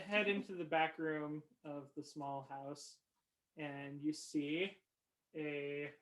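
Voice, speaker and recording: A game master narrating a tabletop game, pausing often with ums and small laughs. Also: medium pitch, fairly bright tone, poor audio. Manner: slow, halting, many ums and laughs.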